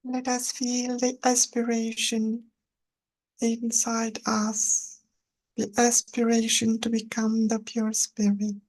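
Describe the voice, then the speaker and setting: Slow, flat-voiced woman guiding meditation. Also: on the high side. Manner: slow, steady and soothing. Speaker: meditation guide. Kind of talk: guided meditation.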